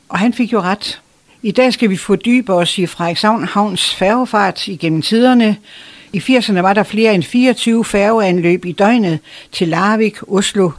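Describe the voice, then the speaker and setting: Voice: medium pitch, no echo. Host doing a read-out intro then questions, mid voice, dead dry room.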